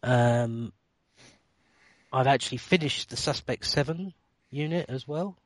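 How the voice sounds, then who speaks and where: A man's voice: medium pitch, unhurried, no echo. A man co-hosting a podcast, rambling in casual chat while painting miniatures. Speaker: podcast co-host.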